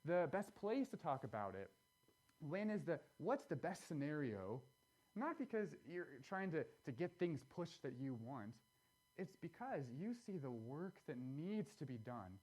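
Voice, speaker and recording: A man preaching a sermon in a church, conversational and earnest, with animated asides. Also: a little high. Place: church sanctuary.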